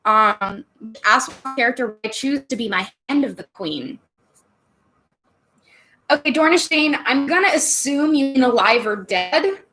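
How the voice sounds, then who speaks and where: A woman's voice: sits high, sharp tone. A woman hosting a casual livestream, chatting with viewers and answering their questions with frequent laughter while sipping wine. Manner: giggly, chatty, laughs often between answers; sips wine on stream and jokes about getting tipsy. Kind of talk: casual live chat.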